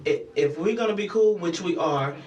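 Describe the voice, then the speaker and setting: A man's voice: high voice, normal speed, darkish tone, roomy sound, far from the mic, lo-fi sound. A man in a reality show, speaking firmly and insistently, repeating himself to get his point across. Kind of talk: confrontational conversation.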